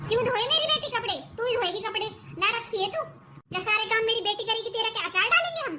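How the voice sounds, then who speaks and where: A woman's voice: extremely high pitch, lively intonation, quick pace. A woman voicing a bossy, taunting older mother-in-law in a cartoon, scolding her daughter-in-law. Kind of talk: cartoon voice acting. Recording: noisy recording.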